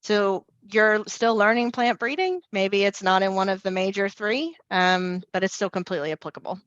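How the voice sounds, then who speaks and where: Woman panelist, video call, dry close sound, slightly muffled, brisk and energetic. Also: mid-range voice, no echo. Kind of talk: online panel discussion.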